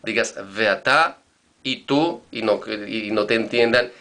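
A man's voice: fairly low pitch, takes it slowly, sharp tone. A man teaching Hebrew vocabulary in a recorded lesson, patiently repeating and spelling out words.

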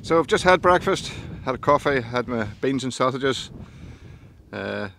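Expressive and moderately paced, this man's medium-pitched voice is creaky and fairly bright. A chatty outdoor vlogger in his fifties, he laughs often and jokes about himself while vlogging casually to a phone camera held at arm's length on a windy mountain summit.

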